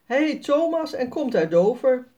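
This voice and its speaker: A woman's voice: high voice, big pitch swings, moderate pace, warm tone, lo-fi sound, pitched above the performer's own voice. A woman voicing a cheerful, joking young father in a children's story, playful and encouraging.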